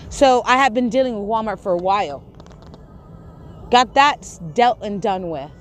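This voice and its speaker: During a heated livestream rant, a Texan woman with a stutter and a lisp confronts her chat, cursing and starting her sentences over and over. Her mid-range voice has lively intonation at a moderate pace, and there is slight background noise.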